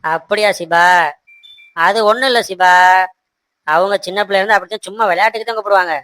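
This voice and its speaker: Man playing a fast-talking cartoon husband, high bright voice, soothing and harried. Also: dry recording. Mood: placating. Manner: soothing, placating, talks to the audience. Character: harried young husband, stuck between wife and sisters. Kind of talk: cartoon voice acting.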